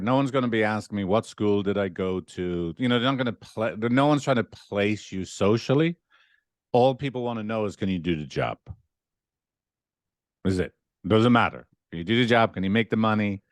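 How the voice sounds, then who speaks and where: A middle-aged man speaks with a Dublin accent in a fairly low voice. He is an interview guest telling personal stories in a loose, rambling way, on a close, dry recording. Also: no echo. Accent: Dublin Irish. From Dublin, Ireland. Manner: rambling, conversational, often asks "right?". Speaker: podcast guest, relationship therapist. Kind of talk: casual interview, personal storytelling.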